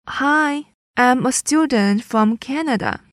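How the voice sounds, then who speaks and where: Woman reading test sentences really slow, slightly high voice, dry sound. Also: no room sound. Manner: careful, each sentence read twice. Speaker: listening test reader.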